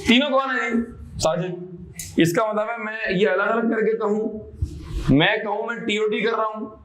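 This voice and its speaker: A man teaching a classroom lecture, animated, quizzing students with repeated questions and chanted phrases. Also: high voice, rough recording. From Pakistan.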